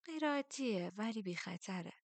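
A woman's voice: mid-range voice, lively intonation, dry recording. A woman voicing a breezy young woman who talks in an offhand, blunt way.

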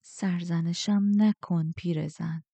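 Woman reading as a calm, quietly dangerous man, measured storybook voice, dry close mic. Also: on the low side, no room sound, natural voice. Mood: tense.

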